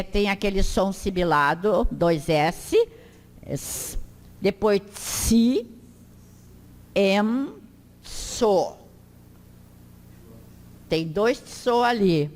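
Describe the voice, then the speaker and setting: A woman teaching an Esperanto class, slowly drilling pronunciation for her students to repeat in a classroom. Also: fairly low pitch. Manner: slow, drawn-out drilling of words for learners to repeat. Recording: long hall reverb.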